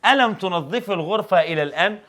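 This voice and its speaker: A young man with an Egyptian Arabic accent and a high voice teaches an exam review. He keeps it animated and joking, firing rhetorical questions at his students. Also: very fast. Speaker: English teacher.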